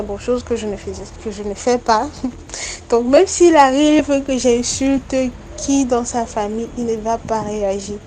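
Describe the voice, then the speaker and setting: Halting young woman telling her story. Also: a little high, dark tone, a little hiss or hum. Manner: halting, repetitive, earnest recounting. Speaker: storyteller sharing a personal account. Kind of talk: spoken personal testimony.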